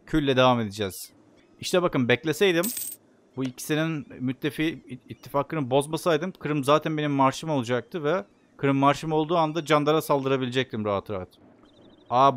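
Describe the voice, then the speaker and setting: A man giving casual let's play commentary on a strategy game, excitable and talking back to the game. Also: medium pitch, a little hiss or hum. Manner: excitable, talks back to the game and swears at opponents. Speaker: video game player and commentator.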